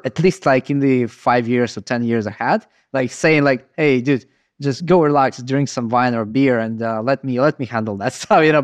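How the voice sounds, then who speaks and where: A man's voice: medium pitch, no echo. A man with a Ukrainian accent hosting a casual conversation in non-native English phrasing.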